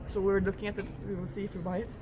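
A woman's voice: medium pitch, level tone, rapid-fire, noisy background. A woman, chatting casually and giggling for a vlog at a Christmas market and a burger place. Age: 30s. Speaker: vlogger.

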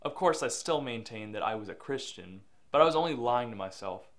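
A man's voice: medium pitch, lively intonation, a little fast. Young man playing a regretful troubled youth. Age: young adult. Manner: quiet and regretful in narration, shouting in anger. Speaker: lead actor and narrator. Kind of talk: reflective voice-over narration and dialogue.

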